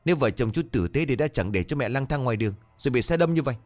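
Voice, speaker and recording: A man voicing a shrill, spiteful daughter-in-law who scolds her in-laws. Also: expressive, very fast, close to an everyday voice. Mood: scolding.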